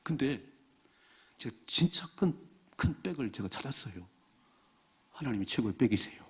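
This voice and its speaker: A male pastor preaches at a church service with a slightly husky voice. His pitch rises and falls in a lively way, and he repeats key phrases with emphasis. When he reads scripture, he slows down and draws the words out. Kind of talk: sermon.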